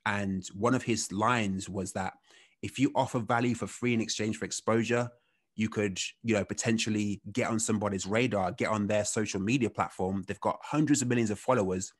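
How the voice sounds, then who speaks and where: A man in his thirties, a guest on a podcast. He speaks in a fairly low voice and tells his story in a loose, rambling way, with many casual fillers. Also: a little fast. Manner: relaxed, rambling, heavy on "you know" fillers.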